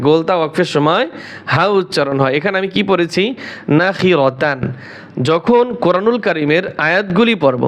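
A man's voice: on the high side, a bit bright. A man teaching Quran reading, spelling Arabic words out syllable by syllable and repeating each word. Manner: slow, drawn-out syllable-by-syllable spelling with repetitions. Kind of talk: spelling-out recitation lesson.

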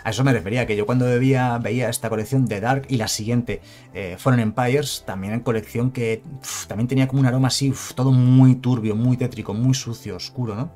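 A man's voice: mid-range voice, steady tone, fairly quick, darkish tone. A man giving casual live commentary on a card game, rambling and chatty, with asides and self-corrections.

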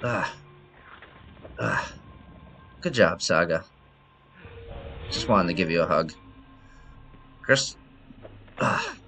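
A man's voice: low voice, very animated, drawn-out words, pauses often, pushed and bright, faint music behind. A man hosting a casual let's-play of his game, talking in a playful, joking way with frequent self-amused asides. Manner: playful, jokey, sings and laughs at himself. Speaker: gaming channel host. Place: indoors at home by a window.

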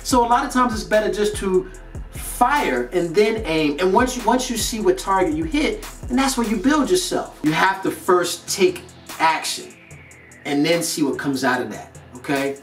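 A high-pitched, expressive man with an American accent, in his thirties and from North Carolina, United States, speaks at a moderate pace. Hosting a motivational video series, he talks casually to camera, emphatic and slangy, in an indoor studio with a plain grey backdrop, while roomy echo, a distant mic, and background music shape the sound.

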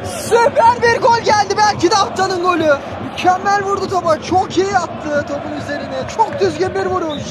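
A man screaming excited football goal commentary, stretching out his exclamations. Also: normal speed, few pauses. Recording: noisy outdoor pitch, loud crowd. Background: crowd and outdoor pitch noise.

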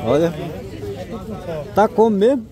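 High-pitched, drawling Northeastern Brazilian market vlogger, man. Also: lively intonation, measured pace. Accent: Northeastern Brazilian, Pernambuco. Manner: repeats short exclamations pointing things out. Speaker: vlogger filming a street market. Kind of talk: casual running commentary to camera, greeting passers-by. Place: outdoors in an open-air street market. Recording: outdoor street market with busy crowd and traffic.

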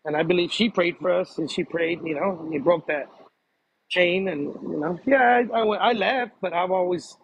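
A man's voice: high voice, moderate pace, vocal fry, slight background noise, poor audio. A man talking casually in an interview, hesitant and repeating himself, laughing easily as he answers questions about faith. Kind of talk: casual conversation.

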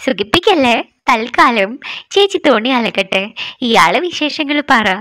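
A woman's voice: on the high side, very animated, unhurried, a bit bright, dry recording, clean studio sound. Woman voicing a teasing, frank young woman. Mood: chatty. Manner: teasing, blunt, sulky banter. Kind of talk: storytelling with voiced dialogue.

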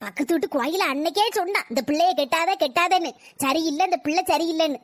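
Woman voicing a shrill, sarcastic old mother-in-law. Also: fast, no echo, clean studio sound. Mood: scolding. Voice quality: scolding, sarcastic. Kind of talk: cartoon voice acting.

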